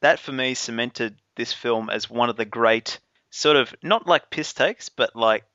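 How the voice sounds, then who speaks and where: A man in relaxed film chat, asking questions with many fillers. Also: mid-range voice, unhurried, dry recording, highs cut off. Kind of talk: casual film discussion.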